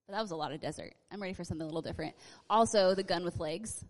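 A woman's voice: lowish voice, racing. An American woman chatting casually as a panelist on a live stage, feisty and teasing. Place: large convention panel room with live audience. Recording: echoey hall, live panel PA.

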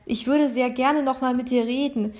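A woman voicing a kind young man in a storybook reading, soft and consoling. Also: high voice, steady tone, moderate pace, lightly acted. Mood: gentle. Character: gentle young man, comforting.

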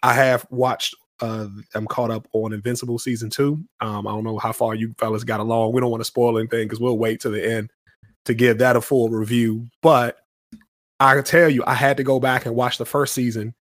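A man's voice: mid-range voice, flat delivery, fairly quick, no echo. A man co-hosting a casual podcast, telling loose run-on stories in a laid-back way. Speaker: podcast co-host. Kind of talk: casual chat.

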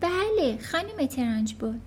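A small, clever girl speaks softly and politely, hesitating before she answers, as a woman reading the story puts her on. The voice sits very high and soft. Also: big pitch swings. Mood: timid.

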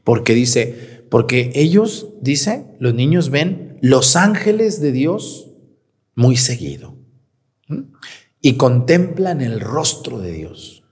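A man's voice: medium pitch, sing-song, slow pace, darkish tone. A priest preaching a Sunday sermon, scolding and teasing his congregation, acting out sarcastic quotes. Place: church. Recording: long church reverb.

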